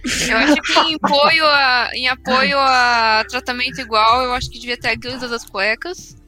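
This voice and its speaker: Brief: Brazilian female co-host, high and bright voice, playful, faint music underneath. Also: normal speed. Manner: animated, jokey, laughs often. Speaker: podcast co-host. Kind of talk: casual chat.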